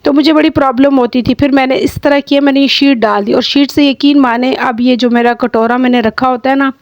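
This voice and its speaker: A woman's voice: sits high, steady tone, brisk, no echo. A middle-aged woman with a Pakistani Urdu accent and a slightly sore throat, chatting to viewers in a rambling home vlog, full of fillers and restarts. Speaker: vlogger, homemaker. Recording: dry close sound.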